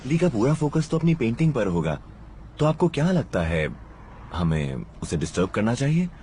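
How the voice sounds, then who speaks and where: A man's voice: mid-range voice, very animated, moderate pace, darkish tone, a little hiss or hum, close to an everyday voice. A man dubbing a dutiful male assistant in a Hindi series.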